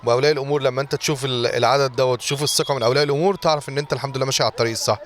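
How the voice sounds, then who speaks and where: A man's voice: medium pitch, steady tone, very fast, slight background noise. An Egyptian man who runs a sports academy, answering interview questions earnestly and repeating thanks.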